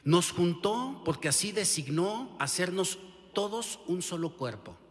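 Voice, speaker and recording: Slow emphatic Mexican preacher. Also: male voice, sits high, lively intonation, long reverb tail. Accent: Mexican Spanish. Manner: emphatic preaching with frequent rhetorical questions to the listener. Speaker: pastor. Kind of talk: sermon. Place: church sanctuary.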